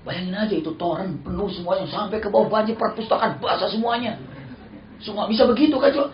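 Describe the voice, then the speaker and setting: A male Islamic preacher, giving a lively sermon full of stories and acted-out dialogue. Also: high-pitched, quick pace, a little hiss or hum. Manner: animated, acts out dialogue, laughs often. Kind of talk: sermon with storytelling. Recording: roomy, slightly dull recording.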